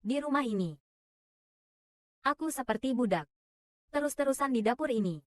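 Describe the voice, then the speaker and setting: Istri tua yang getir dan tersakiti, suara agak tinggi, kering. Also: female voice, high voice, lively intonation, moderate pace, dry recording, clean studio sound. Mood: aggrieved. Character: wronged older wife, weary and bitter. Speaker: dub voice. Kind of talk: dubbed drama dialogue.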